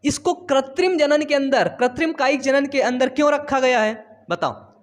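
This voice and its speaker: Young male biology tutor, high voice, chatty and teasing. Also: normal speed. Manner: chatty, teasing students, repeats phrases. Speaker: biology teacher. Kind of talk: casual online lesson. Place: home studio.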